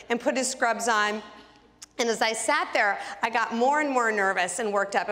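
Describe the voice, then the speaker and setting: A woman's voice: mid-range voice, a bit bright, long reverb tail. A woman teaching a Bible study who tells a personal story with animation and acts out the dialogue.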